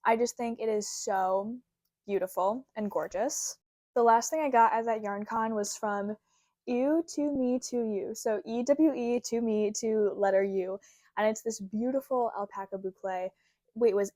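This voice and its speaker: A young crochet creator vlogs casually at a moderate pace, her fairly high, warm voice bubbly, rambling and thick with "like." She sounds a little worn, still getting over a recent cold and sore throat. The recording from her small clip-on mic is dry.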